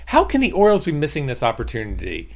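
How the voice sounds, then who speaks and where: A man's voice: fairly high pitch, huge pitch swings, quick pace. A man co-hosting a casual sports chat. He is blunt and sarcastic and works himself into rants about his team. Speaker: co-host.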